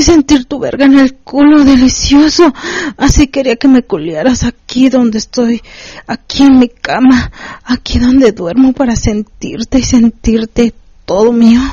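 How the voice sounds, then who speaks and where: A woman voicing a breathless, demanding adult lover, crying out in high pleading moans. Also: a little mellow, husky, no room sound, dull audio, full character voice.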